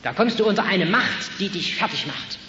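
A high-voiced man preaches with fervour, rising to ringing calls and dropping to hushed, earnest words. His voice carries through a large, reverberant hall. The recording sounds muffled and slightly hissy, like an old tape. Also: expressive, moderate pace. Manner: emphatic, swings between loud calls and quiet earnest tones. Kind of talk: evangelistic sermon.

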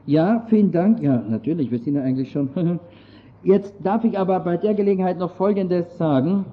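A high-pitched man speaks at a moderate pace in an Austrian German accent with some Germanized features. He gives an audience an earnest, digressive talk on church history. The lo-fi recording sounds dull.

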